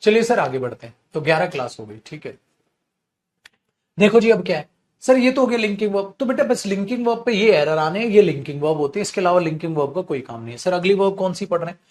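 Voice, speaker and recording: A man's voice: high voice, expressive, quick pace, darkish tone. A man teaching an online English grammar class, chatty and coaxing, mixing Hindi talk with English example sentences. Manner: chatty, coaxing students with bhaiya and beta. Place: at home or in a studio, drinking tea while teaching.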